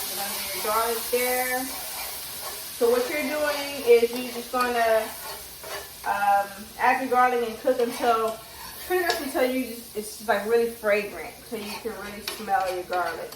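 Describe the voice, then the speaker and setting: A woman who talks with braces, giving a casual cooking demonstration and thinking aloud in an informal way. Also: on the high side. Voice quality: speaking with braces. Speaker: home cooking vlogger. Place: home kitchen. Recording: roomy, distant mic, faint noise.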